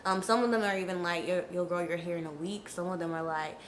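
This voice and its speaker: A young natural-hair vlogger with a cold-clogged nose talks fast in a fairly low, rather evenly intoned voice, giving direct, chatty hair advice to her viewers. The casual vlog has reverberant audio and a little hiss or hum.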